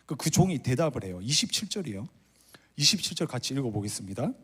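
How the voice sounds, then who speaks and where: At a church retreat hall, a male pastor delivers a sermon fast in a mid-range voice with a breathy edge. His storytelling is lively, and he plays out the characters' grievances, especially those of the older son.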